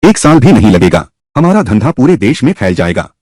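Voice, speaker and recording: This is a confident young entrepreneur voiced by a man in a drama dub. He speaks in a steady, persuasive way, and his pitch moves lively through each line. The recording is close and dry. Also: fairly quick, no room sound. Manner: assured, calmly persuasive.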